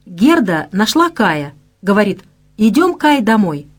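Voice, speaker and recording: Woman doing a joking young office guy, teasing, lively pitch, audiobook. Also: measured pace. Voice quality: playful, teasing. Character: joking young male office worker, wisecracking. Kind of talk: audiobook character voice.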